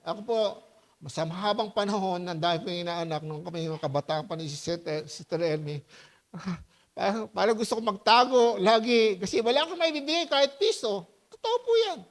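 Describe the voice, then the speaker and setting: A man preaching a sermon as pastor in a loose, conversational way, often asking the congregation questions and laughing as he tells stories. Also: fairly quick. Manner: lively, with high-pitched voiced quotes and laughter.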